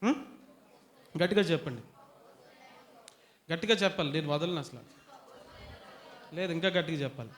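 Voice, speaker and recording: A man leading a Bible study for young people, who keeps asking questions and pushes the audience to answer louder. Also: a little high, animated, moderate pace, long pauses. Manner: quizzes the audience, urges them to answer louder. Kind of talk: interactive bible teaching to youth. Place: retreat hall.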